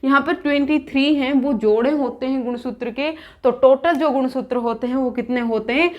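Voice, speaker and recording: High-voiced woman teaching an exam lesson. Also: normal speed, highs cut off. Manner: explains by asking questions and answering them; restates terms in both English and Hindi. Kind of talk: exam-prep lecture.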